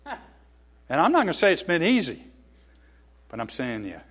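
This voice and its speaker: Fifties guy preaching, kinda high voice, folksy and earnest, cracks little jokes. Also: wildly swooping pitch, normal speed, fairly bright tone, slightly rough. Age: 50s. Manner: earnest, folksy, joking asides. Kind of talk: sermon and closing prayer.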